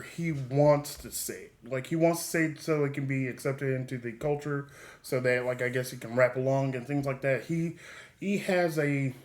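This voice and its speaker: A man co-hosting a podcast in casual chat, animated and laughing often, acting out quotes as he talks. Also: a little high. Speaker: podcast co-host.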